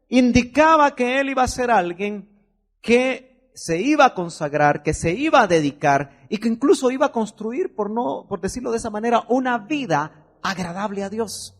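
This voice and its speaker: A middle-aged man, preaching a teaching sermon as pastor and explaining Hebrew words. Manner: lively, rises and drops sharply in pitch and loudness.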